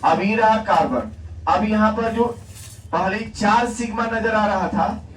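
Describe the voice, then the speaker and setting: A man lecturing a classroom on chemistry, his voice sitting high as he fires questions and answers them himself, repeating the key words. He is caught from across an echoey room by a distant mic. Steady background noise runs under everything he says. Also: measured pace. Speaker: chemistry teacher.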